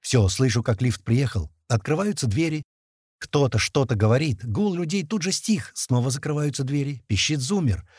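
A man reads a gritty first-person action story aloud, his pitch leaping up when the characters shout. The sound is close and dry with no room around it. He keeps an animated, swinging delivery throughout. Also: normal speed, breathy edge, no room sound. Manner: lively, shouts character lines. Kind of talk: audiobook narration with acted dialogue.

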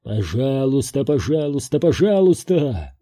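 A man doing a slow, mocking ghost. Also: mid-range voice, very animated, warm tone. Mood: taunting. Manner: slow, taunting repetition. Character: mocking male ghost, cruel and sneering.

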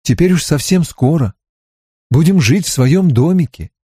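A man's voice: fairly high pitch, animated, measured pace, mellow, breathy edge, no room sound, studio quality, pitched above the performer's own voice. A man reading an audiobook, voicing a tired farm mother who soothes yet stays firm. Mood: soothing, firm.

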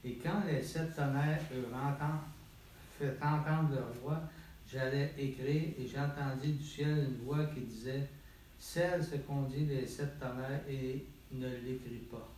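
A man in a Bible study group reading a scripture passage slowly and deliberately. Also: mid-range voice, steady tone, darkish tone, slight background noise. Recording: heavy room echo, mic far off.

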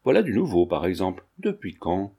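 A man's voice: low-pitched, wildly swooping pitch, a little fast, creaky, warm tone, breathy edge, pitched below the performer's own voice, full character voice. A man reading a novel aloud, voicing a mocking, skeptical young Parisian man who teases his friend with irony. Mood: teasing. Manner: teasing, ironic.

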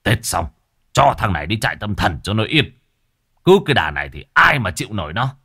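A man doing a gruff, hot-tempered old father. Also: lowish voice, very animated, a little fast, pushed and bright, heavily acted. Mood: fed up. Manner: gruff, scolding bluster.

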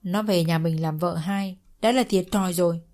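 A woman voicing an older father-in-law who berates his wife loudly in a read-aloud story. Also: lowish voice, fairly even intonation, moderate pace, soft background music, natural voice. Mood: angry. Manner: shouting reproach. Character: older father-in-law, angry scolding husband.

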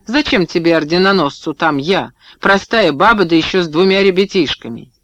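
Brief: male reader doing an embittered young wife, sharp and resolute, dry close read. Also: high voice, expressive, normal speed, no echo, dull audio. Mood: bitter. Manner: cold, cutting retorts.

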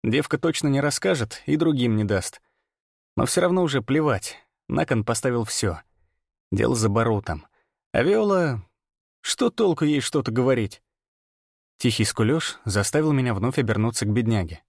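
A man reading a first-person audiobook story in a measured, grim way. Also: mid-range voice, animated, gravelly, no room sound, studio quality. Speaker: audiobook narrator.

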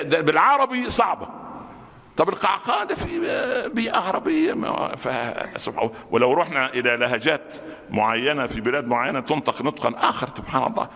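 Fast-talking Egyptian preacher in echoing hall. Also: male voice, medium pitch. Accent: Egyptian Arabic. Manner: colloquial and animated, rising to sudden shouts. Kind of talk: Friday sermon. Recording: long hall reverb.

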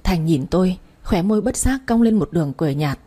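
Husky-voiced woman narrating a sad story. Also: lowish voice, lively intonation, brisk, warm tone. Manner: grieving, emotional storytelling. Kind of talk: first-person audiobook narration.

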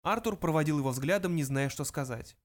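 A narrator reading a comic science-fiction audiobook at a middle pitch. The telling is even and measured, leaving the color to the character voices. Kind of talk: scripted narration.

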